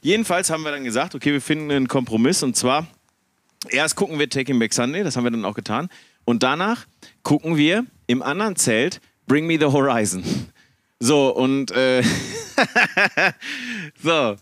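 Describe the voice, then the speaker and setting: A podcast participant from Germany's Ruhr area, speaking with a Ruhr accent, tells a long, meandering concert story in a casual chat, animated and rambling as he restarts and corrects himself. His voice sits at an ordinary middle pitch, moving at a moderate pace with frequent pauses. The recording is dry and close, with no room echo.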